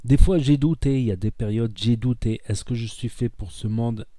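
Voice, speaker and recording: A social media content creator with a southern French accent from Narbonne rambles earnestly through a casual monologue in a very dark, deep voice at a moderate pace. He repeats phrases for emphasis and grows heated, and the recording is dry and close with no room echo.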